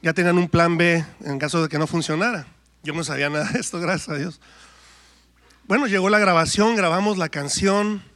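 A Mexican worship singer with a fairly high, somewhat bright voice speaks briskly with fairly even intonation. In church, he tells his testimony and preaches, acting out quoted dialogue as he goes.

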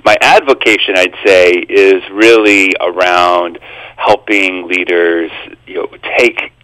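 A man speaking conversationally as an interview guest, halting a little as he thinks aloud. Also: low voice, a bit bright, dry recording, poor audio. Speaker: guest, author and organizational consultant.

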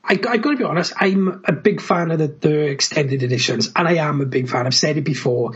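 A man's voice: on the high side, a little fast, slightly rough, lo-fi sound. A man talking about films as a podcast guest, enthusiastic, swearing casually and tacking on tag questions. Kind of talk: casual film chat.

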